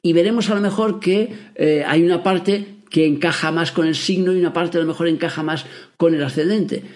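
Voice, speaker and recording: A man's voice: fairly high pitch, fairly even intonation, brisk, a little mellow. A man with a Spain Spanish accent, hosting a podcast and explaining things in a chatty monologue full of fillers. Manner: chatty, many fillers like "o sea". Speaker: astrology podcast host.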